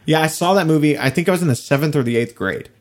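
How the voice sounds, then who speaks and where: A man's voice: on the high side, quick pace. A young man co-hosting a podcast, talking casually and rambling with lots of fillers and swearing. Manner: rambling, profane, many fillers. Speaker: podcast co-host. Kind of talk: casual chat.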